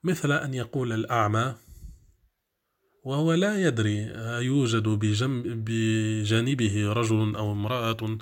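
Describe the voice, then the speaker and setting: A fairly low-voiced man gives a classroom lesson on Arabic grammar. He explains step by step, drawing out his fillers and frequently checking that listeners follow along.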